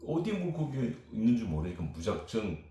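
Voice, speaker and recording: A man in his fifties from South Korea, telling childhood stories in a rambling, animated way as a guest. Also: lowish voice, brisk. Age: 50s. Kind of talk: storytelling chat. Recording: very echoey room with music behind.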